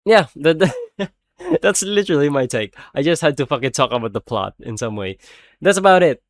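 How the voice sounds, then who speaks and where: Animated, swearing man ranting in a dry room. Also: a little high, moderate pace, no room sound. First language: not English. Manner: animated, swears often, laughs while talking. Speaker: video creator reviewing a film. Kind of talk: casual plot rant.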